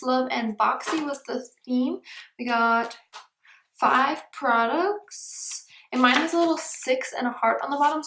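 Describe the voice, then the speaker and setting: A high-voiced woman chats casually while unboxing products for her beauty vlog, often dropping to a soft near-whisper. She's recording in a room without a proper mic, so her voice echoes and there's a little hiss or hum.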